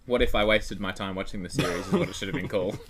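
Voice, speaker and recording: Young aussie guy on a podcast, lowish voice, jokey and teasing. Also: rapid-fire, heavy background noise. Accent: Australian. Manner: playful, jokey, self-mocking. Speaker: podcast co-host. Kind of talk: casual podcast chat.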